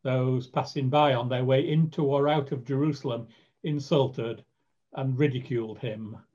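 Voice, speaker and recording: Mellow male narrator, lo-fi. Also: medium pitch, fairly even intonation. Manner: measured storytelling. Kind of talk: scripted scripture narration.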